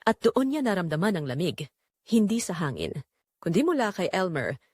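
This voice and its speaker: A woman with a Filipino accent narrates a scripted dramatic story in a lowish, slightly mellow voice with big pitch swings at a moderate pace. The recording is dry, with clean studio sound.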